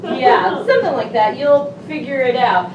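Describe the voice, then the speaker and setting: A woman's voice: high-pitched, sing-song, moderate pace, lo-fi sound. A woman hosting a live improv show, chatty and laughing as she coaxes suggestions from the audience. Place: small theater stage. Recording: far, echoey room with crowd noise.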